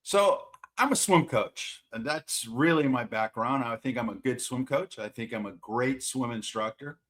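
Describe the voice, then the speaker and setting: A man's voice: mid-range voice, normal speed, a bit bright. A man who coaches swimming and water polo, answering interview questions in a plain-spoken, self-deprecating way and repeating words as he gathers his thoughts.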